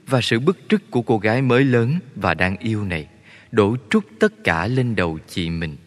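Narrator: man, low and measured, reverberant sound. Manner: steady, measured storytelling. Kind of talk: audiobook story narration. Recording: long reverb.

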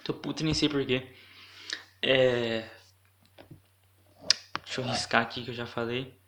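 A young man with a Brazilian accent rants alone into the mic for his podcast. He sounds indignant and profane, drifting through fillers and restarts. His voice sits at an ordinary middle pitch for a man. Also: steady tone, a little slow, fairly bright tone. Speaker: podcast host. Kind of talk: casual solo podcast rant.

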